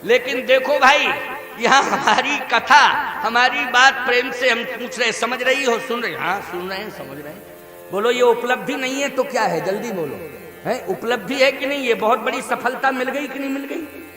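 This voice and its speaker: A man's voice: moderate pace, over music. A male preacher, delivering a scripture sermon to a large gathering, asking the crowd questions for them to answer back. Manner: booming, preaches with call-and-response questions to the crowd. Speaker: religious storyteller. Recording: echoey hall, long reverb.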